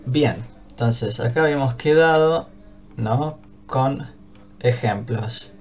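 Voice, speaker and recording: In a slow, mid-range voice, an Argentine-accented man runs an English class, explaining things patiently. He checks regularly that his students are keeping up, tossing in "¿bien?" again and again.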